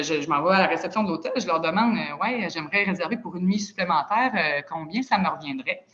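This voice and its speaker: A woman's voice: fairly low pitch, fairly bright tone. Chatty Québécois woman on a muffled call. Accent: Quebec French. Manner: chatty and persuasive, with casual asides. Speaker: presenter of a travel club. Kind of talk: sales presentation on a video call. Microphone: video call.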